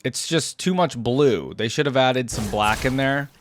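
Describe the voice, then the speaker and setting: This man hosts a reaction video, speaking at medium pitch and an unhurried pace with a little background noise. His informal live commentary is full of exclamations and thinking aloud, with game music and sound effects running underneath.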